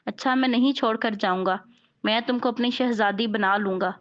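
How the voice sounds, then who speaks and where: A woman narrator voicing a gentle young man who softly reassures, on a dull lo-fi recording. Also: on the high side, normal speed, close to an everyday voice. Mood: tender. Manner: soft, reassuring.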